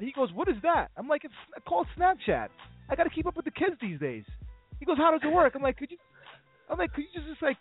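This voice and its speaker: Animated high-voiced man telling a rambling story. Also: husky. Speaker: sports talk show host. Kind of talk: casual radio chat. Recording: phone-like audio with faint music.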